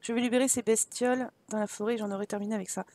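A woman's voice: fairly high pitch, fairly even intonation, very fast, a little mellow, no room sound. A woman hosting a gaming video, chatting playfully and reading in-game dialogue aloud from a close microphone. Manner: chatty and playful, reacting with laughs and asides. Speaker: gaming channel host.

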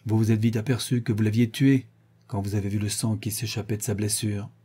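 A man's voice: fairly low pitch, fairly even intonation, warm tone, breathy edge. Man voicing a stern, shrewd lady of the house. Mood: cold. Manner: measured, deliberate interrogation. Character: stern shrewd woman questioning her servants, cool and firm.

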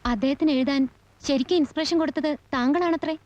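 An actress playing an eager, flattering young woman. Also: high voice, brisk, muffled recording, natural voice. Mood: earnest. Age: young adult. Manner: respectful, flattering. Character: polite, eager young woman admirer of a writer.

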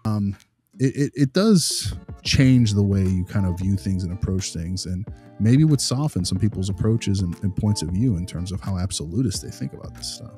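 With soft music behind him, a podcast host covers behavior analysis in a conversational discussion. His low, mellow voice is expressive and moves at a moderate pace as he explains at length, earnestly and emphatically.

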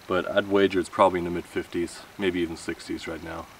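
A deep-voiced man in his thirties vlogs about camping, chatting casually to the camera at a wooded outdoor campsite. His rambling talk comes out flat and quick. The camera sits a few metres away, so the mic is distant and outdoor background noise comes through.

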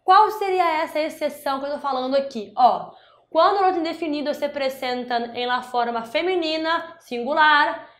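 A woman's voice: high-pitched, moderate pace, a bit bright. A woman from Brazil teaching a Spanish grammar lesson for exam prep, explaining step by step and checking in with frequent "né?" and "tá?". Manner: explanatory, with frequent "né?" and "tá?" tag questions. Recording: roomy echo.

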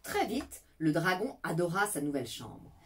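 A woman reading a children's story aloud in an expressive, animated way. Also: on the low side, normal speed.

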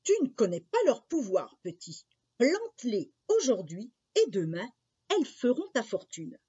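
A woman voicing a strange, sly old man who calls himself a magician, in a coaxing, drawn-out voice. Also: fairly high pitch, huge pitch swings, dark tone, slightly rough, pitched above the performer's own voice, heavily acted. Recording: dull lo-fi recording.

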